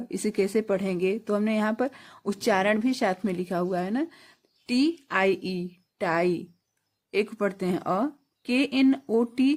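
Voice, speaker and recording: A woman teaches at a very slow, deliberate pace and spells each word out letter by letter. She repeats short phrases several times and poses questions that she answers herself. Her voice sits at a middle pitch for a woman. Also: darkish tone. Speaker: English teacher. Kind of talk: slow spelling-out English lesson.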